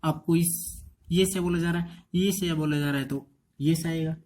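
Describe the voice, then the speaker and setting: A man's voice: a little high, steady tone, moderate pace, a little mellow. An Indian man teaching an English transcription lesson, quizzing students with repeated rhetorical questions. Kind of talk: exam-prep lecture.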